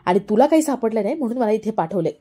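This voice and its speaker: A woman's voice: on the high side, expressive, rapid-fire, mellow, husky. A woman doing a secretive middle-aged aunt. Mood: suspicious.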